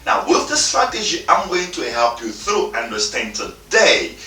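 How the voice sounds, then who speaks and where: Speaking informal non-native English, this DRC-born man in his thirties gives a forceful, emphatic motivational talk full of repetition. His bright voice runs on the high side with huge pitch swings, rising and falling at a normal speed. Faint music plays beneath him, and the echoey room leaves him slightly distant.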